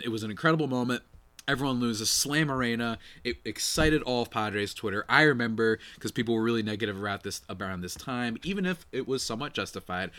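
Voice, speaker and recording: A man hosting a casual solo sports podcast, slightly nasal and congested, talking in an animated, slangy way with chatty asides to listeners. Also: on the low side. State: congested from a cold night.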